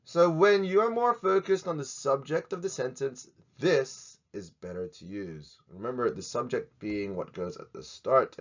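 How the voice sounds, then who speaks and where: Casting note: man, lower voice, hosting a playful grammar lesson with a dull lo-fi sound. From Australia. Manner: jokey, animated, swings in loudness. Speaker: English teacher.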